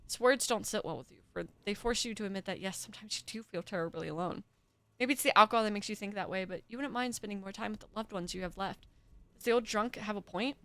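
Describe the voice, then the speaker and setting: A woman's voice: medium pitch, fast, bright, forceful tone, dry recording. A young woman streamer reading game narration aloud with dramatic flair and chatting to her viewers in between. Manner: dramatic second-person narration with chatty asides to chat. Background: faint music.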